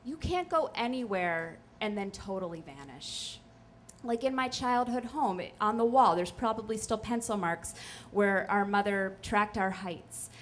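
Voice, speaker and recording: A woman's voice: mid-range voice, lively intonation, unhurried, slight background noise. A young woman telling a funny, self-deprecating personal story on stage, chatty and full of "like" and "um.". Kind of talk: live comic personal storytelling. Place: stage at a live storytelling night.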